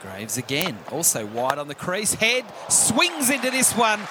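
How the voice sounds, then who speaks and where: High-pitched male cricket commentator over roaring crowd. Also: measured pace. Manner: builds to excited shouted calls on big shots. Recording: noisy stadium with loud crowd roar. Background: loud cricket crowd.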